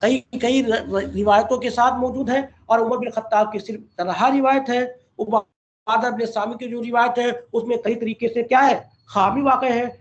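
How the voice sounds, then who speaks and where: A man with a strikingly high voice leads an online lesson on a classical hadith text. He recites long Arabic narrator chains and then explains them plainly. He keeps pausing to ask his listeners what a point means before he answers it himself. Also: fairly even intonation, lo-fi sound. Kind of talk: religious lesson, reading Arabic and explaining in Urdu. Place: online class over a call.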